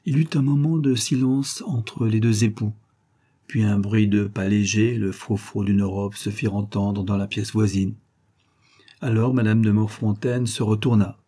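A man narrating a classic novel as an audiobook in a measured, even delivery. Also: on the low side, slightly rough.

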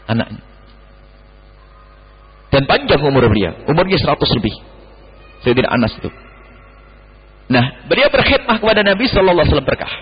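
A man preaching a sermon, dropping to low murmurs and jumping to high exclamations as he acts out dialogue. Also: husky. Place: large mosque hall. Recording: muffled hall recording with long reverb.

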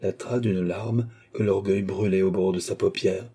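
A male narrator reads a classic novel aloud in a measured, dramatic way. His voice is low, dark and husky, and he tells the story steadily as an audiobook. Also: fairly even intonation.

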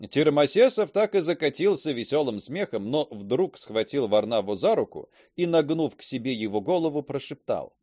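A man's voice: mid-range voice, very animated, moderate pace, few pauses, a little mellow, no echo, clean studio sound. A man narrating a classic novel as an audiobook, telling the story expressively.

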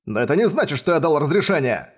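A man's voice: fairly high pitch, very animated, fast, breathy edge. A man voicing a stern, commanding older nobleman in an audiobook reading, with a barking, bellowing delivery. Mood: scolding.

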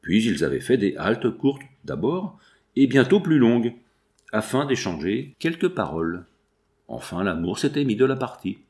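A man narrating a novel as an audiobook reader, with a measured, expressive delivery. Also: medium pitch.

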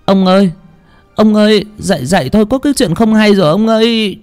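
Man doing a shrill stammering old servant woman. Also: a little fast, darkish tone, clean tone, dry recording, faint music behind, natural voice. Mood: panicked. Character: panicked old female cook servant.

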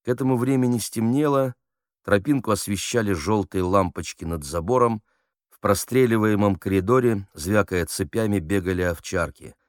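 A man narrating a novel in a measured, expressive reading. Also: lowish voice, no room sound, studio quality. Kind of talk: audiobook narration.

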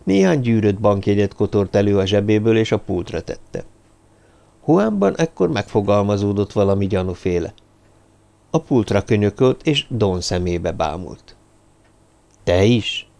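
A man reading a novel aloud as an audiobook narrator, in a measured storytelling style. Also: on the low side, big pitch swings, vocal fry, dark tone. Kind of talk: scripted narration.

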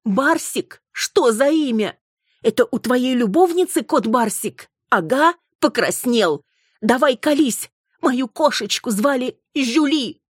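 A woman voicing a jealous, hysterical young wife who scolds her husband, shrill and close to tears. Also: normal speed, breathy edge, dry recording. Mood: furious. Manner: shrill, accusing, near tears.

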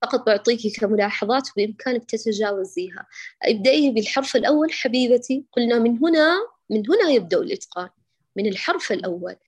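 A woman teaching Quran recitation, patiently correcting a student, with affectionate words and sounds demonstrated slowly. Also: fairly high pitch, animated, darkish tone, slightly rough. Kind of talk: correcting recitation in an online lesson.

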